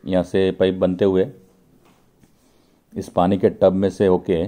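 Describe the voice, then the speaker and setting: In a factory walkthrough vlog shot inside a pipe workshop, a man hosting his own channel explains the pipe-making process straight to his viewers. He speaks unhurriedly in a low, dark voice with little pitch movement.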